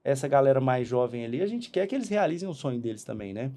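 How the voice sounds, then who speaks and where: A man from Brazil hosting a casual podcast chat, talking in animated quick bursts and often repeating words. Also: mid-range voice. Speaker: podcast host.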